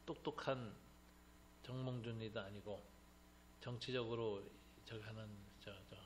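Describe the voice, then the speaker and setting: A man teaching a Bible class as a pastor, lively and joking, acting out the voices of the people he quotes. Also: mid-range voice, moderate pace, slight background noise. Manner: animated, acts out quoted voices, joking asides.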